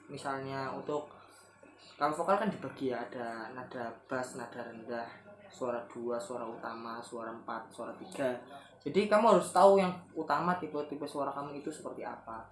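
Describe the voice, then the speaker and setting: A man from Central Java giving casual vocal tips as a singer, rambling and searching for words, often clearing his throat. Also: mid-range voice, moderate pace. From Kebumen, Central Java, Indonesia. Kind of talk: casual spoken tutorial. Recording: roomy echo, faint background noise.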